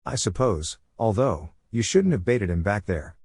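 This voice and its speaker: A man voicing a young, lovestruck pirate empress in a fan-fiction audio story, speaking softly and adoringly. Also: on the low side, lively intonation, a little slow, creaky, breathy edge, no echo, clean studio sound, exaggerated voice.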